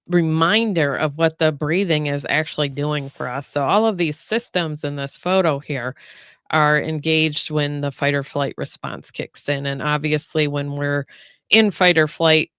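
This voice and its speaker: Recorded dry with studio quality, this woman's smooth, low-pitched, slightly bright voice moves a little slowly. Still nasal as she recovers from a cold, she co-hosts a health chat show, casually explaining breathing exercises one step at a time.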